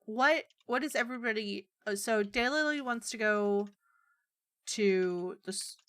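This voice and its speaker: A woman running a tabletop game as game master, relaxed and filling pauses with ums. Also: a little high. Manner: relaxed, with many ums and uhs.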